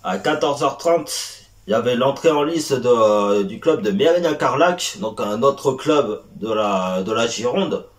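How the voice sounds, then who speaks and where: A man's voice: medium pitch, echoey room, distant mic. A man hosting a casual football debrief vlog, hesitant and full of fillers.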